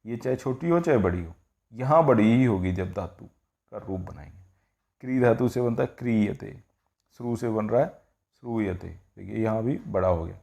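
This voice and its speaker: Explaining Sanskrit grammar rules one by one, this man keeps saying "ठीक है" and throws rhetorical questions at his class, in the manner of a classroom lesson. He speaks at a normal speed in a fairly low, gravelly and slightly mellow voice.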